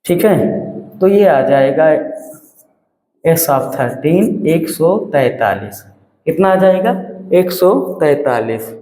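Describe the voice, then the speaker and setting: A fairly high-voiced male maths teacher works through a problem step by step, asking questions and answering them himself. His voice bounces around a bare room with a long, ringing reverb. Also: expressive, slow, pauses often, mellow. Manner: asks and answers his own questions, repeats numbers. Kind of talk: classroom maths lesson.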